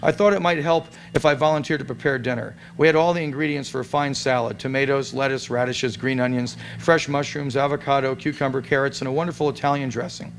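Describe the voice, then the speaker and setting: A man's voice: medium pitch, fairly even intonation, fairly quick, creaky, hardly any pauses, slight background noise. Man reading a comic story aloud. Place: restaurant event room.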